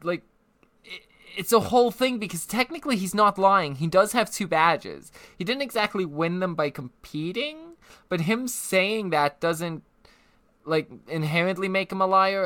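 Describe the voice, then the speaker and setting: A man co-hosting a podcast, recapping an episode in loose, chatty fashion with frequent fillers and laughter. His voice is bright, smooth and fairly high, and it sounds close and dry on a headset mic. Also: moderate pace, no room sound. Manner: laughs often, animated, filler-heavy. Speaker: podcast co-host. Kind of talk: casual recap chat.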